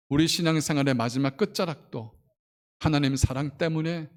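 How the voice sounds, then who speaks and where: A man's voice: mid-range voice, creaky. A male pastor preaching a sermon in a church sanctuary, telling a story with fervor and pressing his points with rising emphasis.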